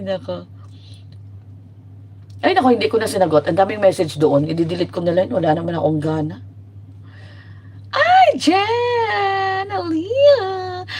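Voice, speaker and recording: A woman's voice: on the low side, darkish tone, slight background noise. A woman from the Philippines hosting a casual livestream, chatty and sassy as she mixes Tagalog and English. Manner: sassy and teasing. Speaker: livestream host. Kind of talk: casual live-stream chat.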